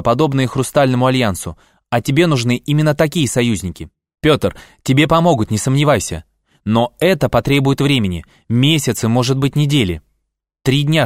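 A man voicing a weary, centuries-old man who speaks in a tired, gentle and measured way in an audiobook. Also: medium pitch, no echo, clean studio sound, close to an everyday voice. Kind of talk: audiobook character reading.

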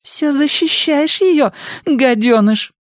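A man reading an audiobook voices a furious, heartbroken woman who screams insults in a shrill high voice. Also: moderate pace, a little mellow, no echo, clean studio sound. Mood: scornful. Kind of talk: audiobook dialogue.

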